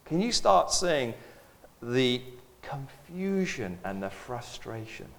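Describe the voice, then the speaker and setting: A man preaching with a lively, rising and falling voice, acting out the imagined voices of a confused crowd. His words ring out with a long reverb through a church hall, as a pastor's sermon from the pulpit. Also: mid-range voice, takes it slowly, gravelly.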